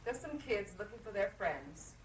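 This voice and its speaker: A woman playing a cold, low-voiced mad scientist. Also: big pitch swings, slight background noise, lightly acted, rough recording. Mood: cold, assured. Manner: clinical, deliberate, imperious. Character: cold, confident female mad scientist breeding obedient slaves. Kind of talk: old B-movie horror film acting.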